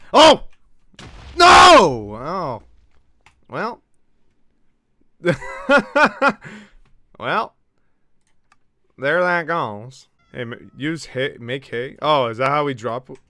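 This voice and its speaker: A man streaming live gameplay, talking in an unhurried drawl that leaps up into yelps and curses. His voice is bright and lively, swinging widely in pitch as he banters with his chat. The sound is close and dry. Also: dry recording. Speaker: Twitch streamer.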